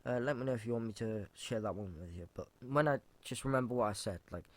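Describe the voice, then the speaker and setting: A man's voice: medium pitch, quick pace. A man hosting a casual solo podcast, rambling informally with fillers, restarts and casual swearing, and reading out his own rap lyrics. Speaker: podcast host.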